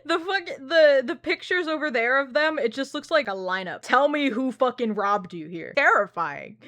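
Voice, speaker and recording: A woman's voice: high-pitched, animated, normal speed, a bit bright. A woman streamer giving a casual live reaction, blunt and sarcastic, swearing freely.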